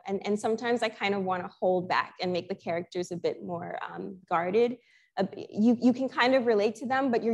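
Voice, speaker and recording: A young woman artist who grew up in Sri Lanka, answering questions in a conversational talk, reflective and full of small restarts. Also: medium pitch. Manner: reflective, thoughtful, many restarts and fillers. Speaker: guest artist.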